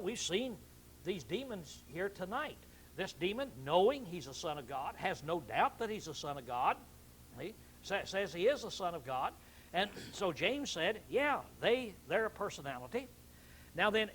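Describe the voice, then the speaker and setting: A male preacher teaching a sermon in a conversational way, often clearing his throat and restarting phrases. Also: high-pitched, fairly bright tone, slight background noise, low-quality recording.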